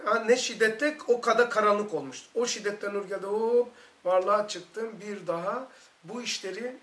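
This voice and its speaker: A man's voice: sits high, a bit bright. A man with a Turkish accent leading a religious study circle, talking with fervent, emphatic storytelling. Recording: echoey room recording.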